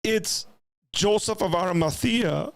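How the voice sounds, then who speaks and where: Gravelly man talking to his live viewers. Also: high voice, unhurried, no echo, studio quality. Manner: hesitant, restarting, addresses viewers as guys. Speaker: livestream reaction host. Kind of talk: casual live commentary.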